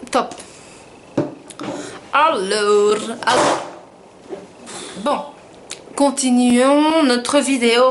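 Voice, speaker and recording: A woman's voice: a little high, a bit bright, a little hiss or hum. A woman chatting through a casual beauty product review, rambling and poking fun at herself. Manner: chatty, rambling, self-mocking. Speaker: beauty vlogger.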